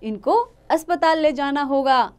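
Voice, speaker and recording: A woman reading a calm village doctor. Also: high voice, unhurried, voice pushed up. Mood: reassuring. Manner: gentle, reassuring.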